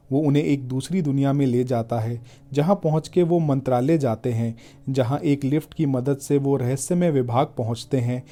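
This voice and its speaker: A male narrator delivers a scripted retelling in a steady, even manner. His tone is very dark and warm, with an unhurried storyteller's flow. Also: medium pitch. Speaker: film recap narrator.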